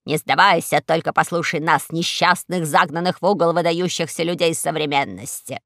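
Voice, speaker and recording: A woman voicing a sly eagle tyrant that speaks in a low, smooth, scheming way. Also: moderate pace, fairly bright tone, no echo, clean studio sound.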